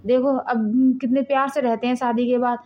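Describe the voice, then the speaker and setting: A woman's voice: a little high, little pitch movement, a little fast, highs cut off, natural voice. A woman plays a mother patiently explaining herself to her grown son in a family drama. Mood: pleading. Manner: pleading, explaining. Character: patient middle-aged mother, gently lecturing.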